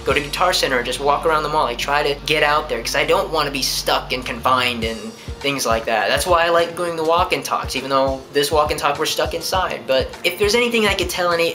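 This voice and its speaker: A man's voice: mid-range voice, bright, forceful tone. A young man from New Hampshire chatting casually at home, answering viewer questions and rambling as he talks with his hands. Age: young adult. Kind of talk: casual vlog chat. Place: living room at home, indoors.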